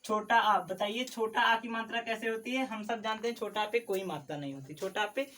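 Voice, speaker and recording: A man's voice: high-pitched, brisk, far from the mic, slight background noise. Man teaching syllables, away from the mic. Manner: repetitive, drills syllables aloud, sounding some forcefully and others softly; asks questions and answers them himself. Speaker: Hindi teacher. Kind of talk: classroom lesson on vowel marks.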